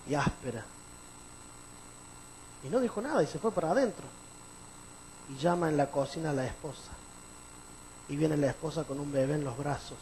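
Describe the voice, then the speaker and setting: A man pastor preaching a sermon, telling a story with animated swings and emphatic rises. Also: mid-range voice, slight background noise, rough recording.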